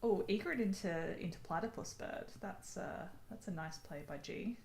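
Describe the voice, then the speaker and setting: A woman's voice: mid-range voice, normal speed, creaky, a little mellow, slight background noise. A woman with a posh Australian accent, chatting casually over a card game in a wry, easygoing way.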